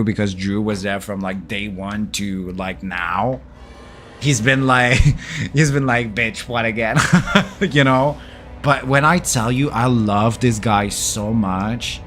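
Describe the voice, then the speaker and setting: A man streaming a game while chatting casually, telling a story in an animated, exasperated way and swearing now and then. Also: lowish voice. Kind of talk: casual chat while gaming.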